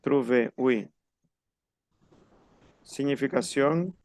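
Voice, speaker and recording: A man leads a French class over a video call and patiently slows down to model each word. His voice is smooth and resonant, with a dry, close sound. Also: medium pitch, a little mellow, dry recording. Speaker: French teacher. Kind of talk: online class instruction.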